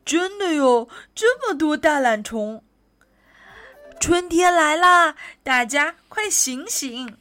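A woman doing excited little frog boys, high voices, big swooping pitch, storybook reading. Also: slow pace, exaggerated voice. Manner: excited calling out.

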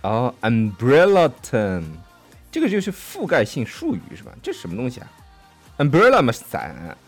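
In a Sydney studio, a male podcast co-host teaching English explains words in a relaxed bilingual conversation, spelling each one letter by letter and checking with his co-host. His mid-range voice swings hugely in pitch at a moderate pace, with faint music in the background.

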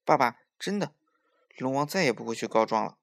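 A man's voice: mid-range voice, animated, a little fast, gravelly. A man voicing a bold, hot-tempered young boy hero in a children's story, talking in a defiant, brash way. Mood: eager.

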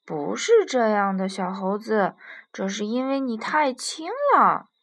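A woman voicing a big, gentle male giraffe who talks in an earnest, insistent way in a storybook. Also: medium pitch, animated, unhurried.

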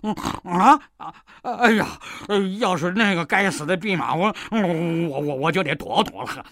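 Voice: mid-range voice, expressive, a little slow, gravelly, fairly bright tone, dry recording, clean studio sound, voice pushed down, full character voice. A storyteller voicing a boastful, cowardly male pig demon who blusters and stammers in a children's story. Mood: panicky. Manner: blustering, stammers when scared.

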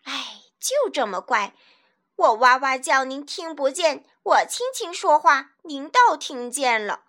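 A woman voicing a noisy, stubborn little boy who shouts and insists. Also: high-pitched, big pitch swings, a little slow, full character voice. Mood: loud, pleading.

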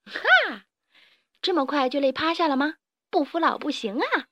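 A cocky young rooster hero, as a woman puts him on, bold and teasing. His voice rides high and bright, recorded close and dry. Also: sing-song, moderate pace, dry recording, highs cut off, full character voice.

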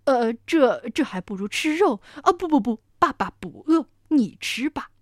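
A woman voicing a big, hungry tyrannosaurus with a soft heart in a children's story, speaking loud and gruff. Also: sits high, big pitch swings, normal speed, no echo, clean studio sound. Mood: flustered. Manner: loud gruff growling delivery. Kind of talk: storytelling performance.

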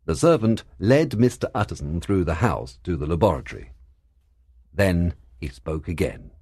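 Deep husky male storyteller. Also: sing-song, mellow, no room sound, clean studio sound. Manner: clear, measured storytelling. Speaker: narrator. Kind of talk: scripted audiobook narration for learners.

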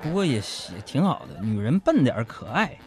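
A man with a Northeastern Mandarin accent, hosting a comic radio show and telling listener stories with lively delivery. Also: medium pitch, brisk. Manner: lively storytelling, acts out quotes. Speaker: radio host reading listener jokes. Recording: radio studio with music bed.

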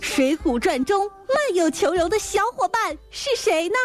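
A woman's voice: extremely high pitch, big pitch swings, moderate pace. A woman co-hosting a radio show, bantering in a pert, colloquial way. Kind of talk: bantering co-host chat. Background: music.

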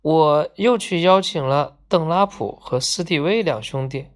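A woman reading a children's storybook aloud, gently voicing each character in turn. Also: low-pitched. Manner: slow, gentle, acts out each character's lines.

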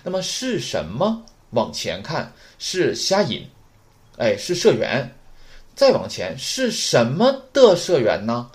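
A man's voice: mid-range voice, wildly swooping pitch. Chatty man teaching. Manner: chatty, rhetorical questions, repeats points slowly. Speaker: Japanese language teacher. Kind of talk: casual classroom lecture.

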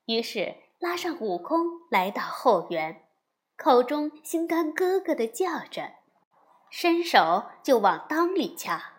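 A woman telling a classic story to young listeners in an expressive narration. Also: high-pitched. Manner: slow, expressive, lively storytelling.

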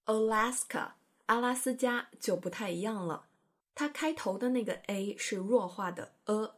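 A woman hosting an English-learning program, explaining in a chatty, playful way with careful pronunciation demos. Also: medium pitch. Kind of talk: educational podcast narration.

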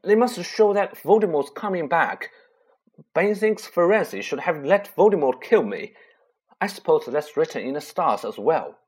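A man doing a high, feverish, frightened young boy. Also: big pitch swings, normal speed, a little mellow, slightly rough. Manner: urgent, breathless, raised delivery. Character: frightened, feverish boy wizard, about eleven.

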